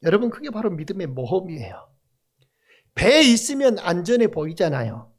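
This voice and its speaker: Pastor, male, high and very expressive pitch, sermon with call-and-response. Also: moderate pace. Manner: animated preaching with call-and-response to the congregation. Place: church sanctuary.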